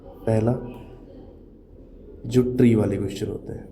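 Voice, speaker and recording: A man's voice: lowish voice, fairly even intonation, vocal fry, dark tone. Man teaching with a sore throat. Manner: slow, careful explaining with English terms mixed in. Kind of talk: recorded classroom lesson. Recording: echoey room with noise.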